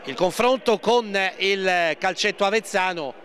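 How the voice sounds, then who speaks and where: A man giving live futsal play-by-play, repeating players' names and lifting his voice excitedly at key moments. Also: high voice, measured pace. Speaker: match commentator. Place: indoor sports hall during a match. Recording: noisy sports hall ambience, bouncing balls.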